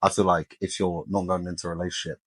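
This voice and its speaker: A man's voice: deep voice, level tone, fast talker, slightly rough, no room sound. A man, talking casually and colloquially as a podcast co-host, giving his opinions.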